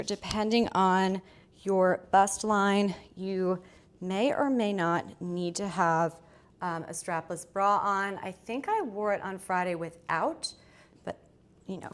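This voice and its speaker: A woman hosting a live fashion shopping stream, chatting upbeat with many fillers. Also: mid-range voice. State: out of breath. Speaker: fashion livestream host. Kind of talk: casual live shopping chat. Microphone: moving away from the mic while changing outfits.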